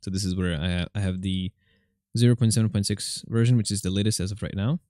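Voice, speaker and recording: A man's voice: fairly low pitch, fairly even intonation, fast, mellow, no room sound, studio quality. A man giving casual, chatty gameplay commentary and tech walkthroughs as a video host, in an informal way. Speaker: host of a handheld gaming tech channel.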